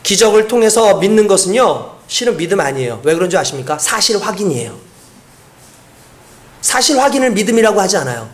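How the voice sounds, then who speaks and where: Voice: medium pitch, big pitch swings, brisk. Pastor giving a chatty sermon, storytelling, voice bouncing up and down a lot. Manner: conversational, storytelling, rhetorical questions.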